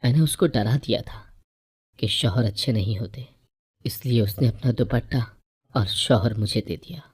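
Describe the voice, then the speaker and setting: A woman narrating a first-person moral story in a measured, even reading voice. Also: extremely low pitch, husky.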